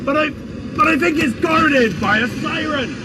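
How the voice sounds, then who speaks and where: Man playing a high-voiced bumbling pirate sidekick. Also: lively intonation, normal speed, very noisy. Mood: excited. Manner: theatrical pirate talk. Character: doubtful, bumbling pirate lad, the captain's sidekick. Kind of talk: live street theatre performance. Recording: outdoor street recording with music, crowd, vehicles.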